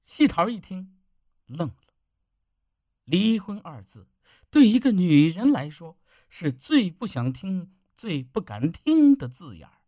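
A man's voice: high voice, big pitch swings, takes it slowly, dark tone, no room sound, studio quality. A man narrating a village story in an emphatic storytelling manner. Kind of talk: audiobook narration.

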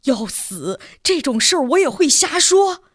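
A woman's voice: high-pitched, very animated, unhurried, no room sound, voice pushed up. A woman voicing an elderly grandfather, frightened and agitated, telling of a close call. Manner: agitated, exclamatory. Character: shaken old grandfather, frightened.

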